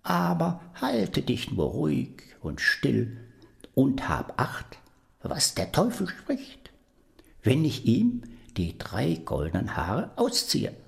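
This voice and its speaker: A man putting on a fussy old grandmother, high and chiding. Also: wildly swooping pitch, takes it slowly, gravelly, exaggerated voice. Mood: hushed. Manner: fussy, chiding, half-whispered. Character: scolding old grandmother of the devil.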